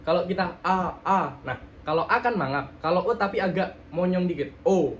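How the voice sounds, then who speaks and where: A man's voice: high-pitched, fairly bright tone, highs cut off, slight background noise. A young man casually demonstrating letter sounds for an articulation exercise, stretching out sample words and adding playful jokes. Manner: drawn-out demonstration sounds, joking asides. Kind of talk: casual tutorial.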